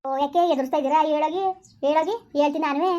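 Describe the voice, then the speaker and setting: Brief: woman as a defiant young village housewife, high voice, rapid complaints. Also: mellow, natural voice. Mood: complaining.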